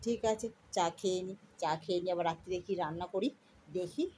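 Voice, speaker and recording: A woman's voice: lowish voice, fast talker, dark tone, slight background noise. A woman chatting casually to her viewers as she cooks at home. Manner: chatty, addresses viewers as friends. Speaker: cooking vlogger. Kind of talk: casual home cooking vlog. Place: home kitchen.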